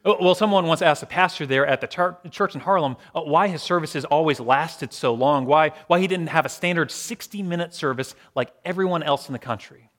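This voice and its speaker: A male pastor delivering a sermon with a slightly higher voice than most men. He talks reflectively, leaning into slow dramatic pauses and letting phrases fade to near a whisper. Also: fairly bright tone.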